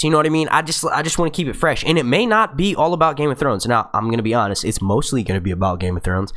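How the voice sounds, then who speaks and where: Youthful-sounding man, animated live-stream chatter. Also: medium pitch. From United States. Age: 20s. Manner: rambling and chatty, with many fillers and profanity. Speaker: YouTube channel host reading live chat. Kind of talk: casual live-stream chat.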